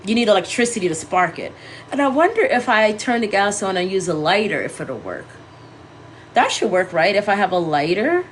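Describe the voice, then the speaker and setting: This woman speaks briskly in a sing-song, medium-pitched voice that sounds congested and raspy. On her casual livestream she rambles, corrects herself mid-thought, and keeps talking to the viewers.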